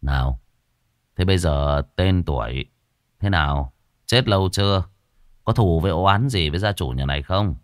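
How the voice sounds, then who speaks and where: A man playing a stern young exorcist master who questions a ghost in a low, gruff, clipped voice. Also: moderate pace, long pauses, no room sound, studio quality, lightly acted. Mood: impatient questioning.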